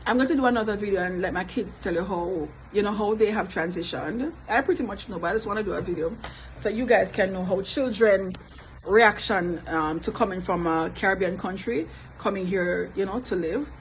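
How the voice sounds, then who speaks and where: A woman's voice: mid-range voice, brisk, a little hiss or hum, poor audio. A middle-aged Jamaican woman, a mother, talking in a chatty, repetitive vlog style with frequent laughs. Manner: chatty, repeats herself, laughs often. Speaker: vlogger, mother. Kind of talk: casual vlog talk.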